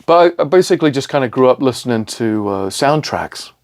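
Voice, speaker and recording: Guesting on a podcast from a recording studio, this middle-aged studio owner and engineer tells stories casually, often saying "man" and "you know." His British-accented voice is mid-range and darkish, with lively intonation and a slightly fast pace. He was born in Milan and grew up in England and Scotland.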